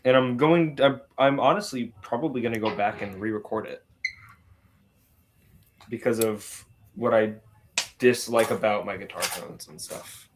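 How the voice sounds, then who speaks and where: A man's voice: on the low side, a little slow, pauses often. A man and band guitarist chatting casually over a video call, his audio crackling and cutting out from a loose cable. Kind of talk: casual chat.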